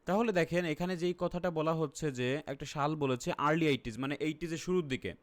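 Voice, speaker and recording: A man's voice: on the high side, moderate pace. A man with a Bangladeshi accent teaching an exam-prep lesson online. He keeps asking his viewers questions and then answers them himself. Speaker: IELTS teacher.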